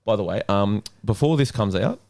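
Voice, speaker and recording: A man's voice: on the low side, animated, moderate pace, darkish tone. A man co-hosting a podcast in loose, joking banter. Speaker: podcast co-host. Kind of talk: casual podcast chat.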